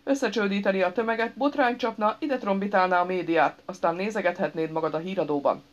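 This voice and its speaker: A woman's voice: medium pitch, natural voice. Woman voicing a teasing balding pal, slightly raised voice, dull lo-fi. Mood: mocking. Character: balding mocking man, crude old pal. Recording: dull lo-fi recording.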